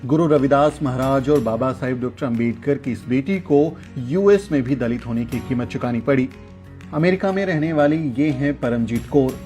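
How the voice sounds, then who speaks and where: Energetic male vlog host. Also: mid-range voice. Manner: energetic, mixes Hindi and English. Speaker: host and vlogger. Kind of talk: voice-over narration and street interview. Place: streets of a city, outdoors.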